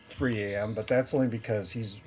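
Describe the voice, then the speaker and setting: A man's voice: fairly low pitch, fairly even intonation, brisk, darkish tone, breathy edge, faint music behind. A man in casual chat on a game stream, cracking dry, profane jokes.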